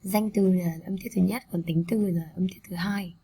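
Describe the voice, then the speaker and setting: A woman English teacher with a Vietnamese accent, repeating vocabulary words slowly for students to copy and explaining them. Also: on the low side, steady tone, warm tone, slightly rough. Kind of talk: vocabulary pronunciation drill.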